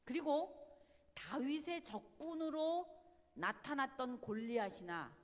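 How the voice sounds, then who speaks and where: A woman giving a Bible study lecture, animated and emphatic, often putting rhetorical questions to her listeners. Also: high-pitched, takes it slowly, big-room sound.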